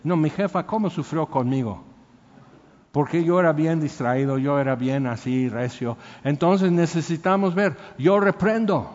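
A Mexican man preaching a sermon, lively and joking as he acts out everyday scenes. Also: fairly high pitch, measured pace. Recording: dull audio with long hall reverb.

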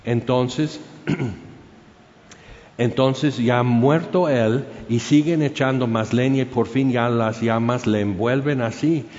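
A man preaching, telling a martyr's story in an animated way, with many fillers and acted-out crowd shouts. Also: medium pitch, slow pace. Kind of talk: sermon storytelling. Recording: dull sound in a reverberant hall.

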